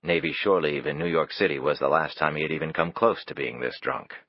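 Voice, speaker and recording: A man reading an audiobook in measured, even scripted narration. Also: rumbling low, no echo. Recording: dull, dry, lo-fi.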